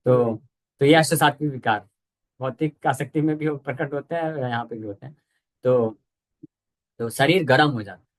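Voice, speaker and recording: A man giving a devotional scripture lecture in conversational Hindi with English words mixed in, slowing down to chant verses. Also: medium pitch, low-quality recording.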